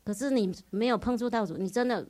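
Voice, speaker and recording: A woman's voice: on the high side, quick pace, darkish tone. A woman in her forties with a Taiwanese Mandarin accent, giving an earnest, emotional personal religious testimony at a retreat, full of interjections.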